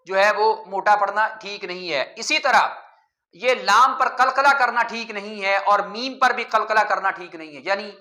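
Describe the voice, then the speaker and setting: A man teaching a Quran pronunciation lesson, patiently repeating words slowly to contrast right and wrong recitation. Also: high voice, pushed and bright, roomy sound.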